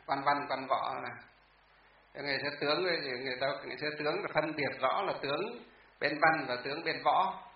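A man's voice: on the high side, brisk. A man teaching, explaining patiently with frequent hesitations and repetition. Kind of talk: explaining Chinese characters. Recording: roomy, distant, dull sound.

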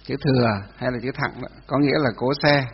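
A man teaching a class on Buddhist doctrine, dictating slowly, repeating each phrase for note-taking and asking his students questions. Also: medium pitch, level tone, vocal fry, slight background noise. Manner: asks students rhetorical questions. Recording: dull lo-fi sound with long hall reverb.

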